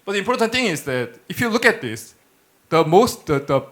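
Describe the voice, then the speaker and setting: A middle-aged man with a Korean accent gives a technical lecture in a halting manner, often repeating words as he searches for phrasing. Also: sits high, big pitch swings, a bit bright. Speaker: academic researcher presenting a lecture. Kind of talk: technical conference lecture with slides. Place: indoor lecture hall, speaking at a podium.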